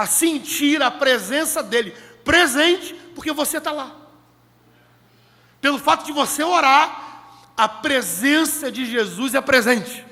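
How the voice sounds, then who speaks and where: High, bright-voiced male preacher in a hall. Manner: emphatic, repeats key phrases for the congregation. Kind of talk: sermon. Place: church meeting hall. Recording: long echoey hall reverb.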